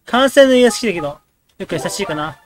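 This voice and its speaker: A man's voice: sits high, expressive, slight background noise. A man casually commenting and joking while playing a dating game. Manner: quick, joking reactions to the game. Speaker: let's play host.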